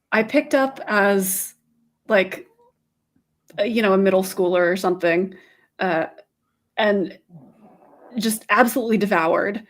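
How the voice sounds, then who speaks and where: A woman guest in a podcast interview, speaking thoughtfully and pausing often with fillers. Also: mid-range voice. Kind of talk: casual interview chat.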